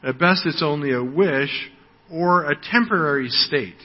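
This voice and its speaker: Conversational American preacher in his sixties, slightly higher voice, long hall reverb, muffled lo-fi sound. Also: unhurried. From United States. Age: 60s. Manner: conversational, frequent "right?", repeats words when starting. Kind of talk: sermon.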